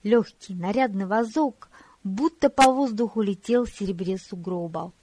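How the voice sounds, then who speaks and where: A woman reading a historical story aloud in an expressive, measured way into a close studio mic. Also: medium pitch, no echo. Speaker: audiobook narrator. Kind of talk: scripted storybook narration.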